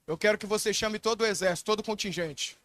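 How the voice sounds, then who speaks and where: A man's voice: high voice, quick pace, a bit bright, no echo. A male preacher voicing a stern king who gives insistent, threatening orders in a sermon retelling. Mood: commanding. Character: stern commanding king giving orders, adult man.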